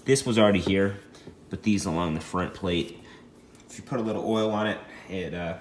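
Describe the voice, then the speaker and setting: A low-voiced man hosts a DIY video, walking through a job step by step in a casual, plain-spoken way. He keeps a moderate pace, and there's a little hiss or hum in the recording.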